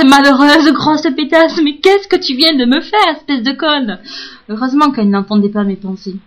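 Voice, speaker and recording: A woman telling a casual story in a frank, profane, self-mocking monologue. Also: high voice. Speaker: audio blogger. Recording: dull lo-fi audio.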